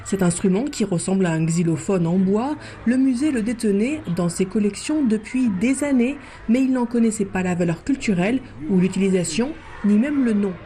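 A woman radio reporter narrating a news report in a measured, even way. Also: medium pitch, slight background noise.

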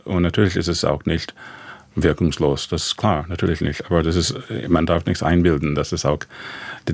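A man with an American accent and English as his first language talks through his path as a composer in German. His voice sits very low with a gravelly fry. The sound is close and dry, and his speech is halting and full of fillers. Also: no echo. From USA. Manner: halting, many fillers and restarts in imperfect German. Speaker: composer guest. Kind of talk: reflective radio interview answers.

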